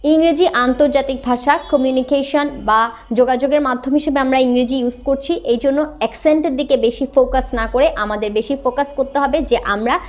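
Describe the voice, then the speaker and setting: A woman from Bangladesh, an English teacher, explaining patiently and slowing down to model sentences. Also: high voice, fairly even intonation, dull audio. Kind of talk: explanatory lesson.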